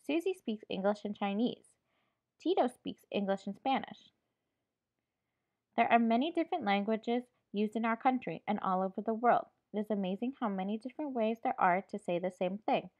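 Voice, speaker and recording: A woman's voice: mid-range voice, moderate pace, darkish tone. A woman teacher reading a picture book aloud to her class and patiently checking in with the children. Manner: patient, checks in with frequent "all right". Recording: dull lo-fi recording.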